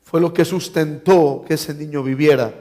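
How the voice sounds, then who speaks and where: A man's voice: a little high, fairly even intonation, moderate pace, warm tone. A man preaching a sermon in a church, telling stories and acting out bits of dialogue with humor.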